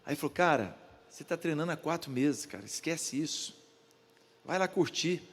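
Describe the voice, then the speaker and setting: A man's voice: a little high, expressive, moderate pace, breathy edge, in a large hall. An older man with a Brazilian Portuguese accent, a pastor preaching a sermon and telling a story, acting out the voices of the people in it. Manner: storytelling, acts out the voices of others in his anecdotes. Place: church.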